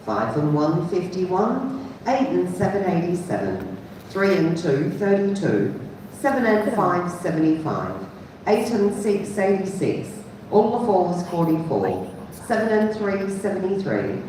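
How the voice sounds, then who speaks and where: A woman bingo caller heard from a distance in a very echoey space with noise behind her. Her delivery is a lively, measured singsong in set calling phrases, with the pitch falling as each phrase ends. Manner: measured singsong announcing, dropping on the final number. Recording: echoey hall from far off, clear noise.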